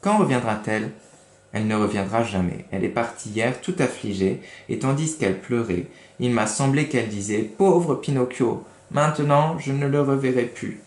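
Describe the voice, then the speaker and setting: A man's voice: on the low side, expressive, normal speed, roomy sound, natural voice. A man reading aloud and voicing a small, wise talking cricket in a storybook, reproachful and lecturing.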